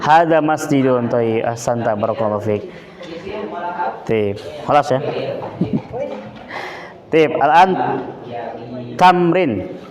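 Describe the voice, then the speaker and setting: In a boarding school class, a man with an Indonesian accent teaches Arabic, drilling pupils with questions and explaining in Indonesian. His medium-pitched voice is expressive and slow, broken by long pauses. The classroom sounds roomy, with pupils chattering.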